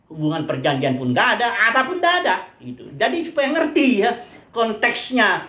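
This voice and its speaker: A woman's voice: mid-range voice, big pitch swings, normal speed, sharp tone, echoey room. A woman preacher from Indonesia teaching a Bible lesson conversationally, asking questions and answering them herself. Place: place of worship.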